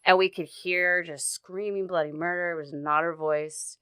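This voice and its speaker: Low, smooth-voiced young woman telling a story. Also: steady tone, fairly bright tone, dry recording. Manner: halting, earnest, many restarts. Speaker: podcast guest. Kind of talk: casual storytelling.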